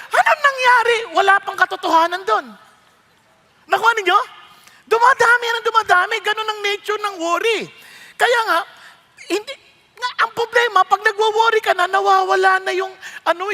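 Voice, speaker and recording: A man's voice: extremely high pitch, moderate pace, sharp tone. A male pastor preaching a sermon, telling stories animatedly, acting out voices and asking his listeners rhetorical questions. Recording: echoey hall.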